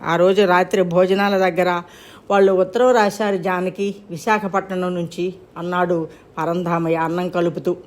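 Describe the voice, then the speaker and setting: A woman narrating a short story aloud in a steady reading voice. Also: lowish voice, normal speed.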